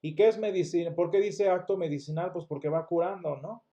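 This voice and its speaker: A man gives a church Bible lesson in a mellow, slightly higher voice. He explains step by step, often restarts words and keeps putting rhetorical questions to his class. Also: a little fast, highs cut off. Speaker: Sunday school teacher.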